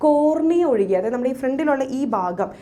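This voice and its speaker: A woman teacher giving an online biology class with a Malayalam accent, asking quick questions and answering them herself, repeating key terms and mixing in English words. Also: high voice, animated, warm tone. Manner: quick, call-and-response questioning. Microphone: drawing on a screen while talking.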